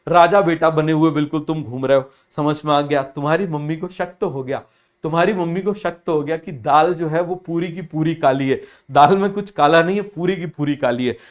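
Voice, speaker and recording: A young man teaching biology in a lively way, often asking the class questions and acting out comic family scenes. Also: on the high side. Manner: acts out family scenes in other voices. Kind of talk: biology lecture with comic examples.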